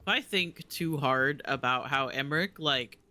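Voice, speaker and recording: A man's voice: mid-range voice, normal speed, pushed and bright. A man streaming a video game, chatting casually in a rambling, self-mocking way full of fillers, at a desk microphone at home. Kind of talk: casual live-stream chat.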